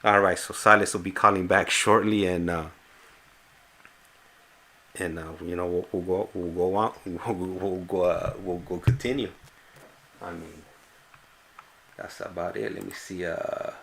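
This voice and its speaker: A man's voice: low-pitched, fairly even intonation, unhurried, gravelly, pauses often, sharp tone, slight background noise. A man hosting a casual live stream, hesitant and often stammering over repeated words. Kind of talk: casual chat.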